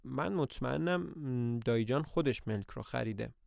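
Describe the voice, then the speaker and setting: A man's voice: medium pitch, expressive, gravelly, a little mellow, no room sound, clean studio sound. A man reading aloud voices an earnest, tense young woman who runs the household. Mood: reassuring.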